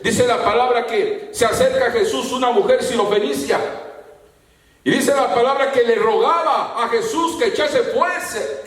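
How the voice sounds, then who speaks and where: A man with a very high voice preaches a fervent sermon and now and then rises to a shout. He stands well back from the microphone, and the room rings with heavy echo. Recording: very echoey room, mic far off.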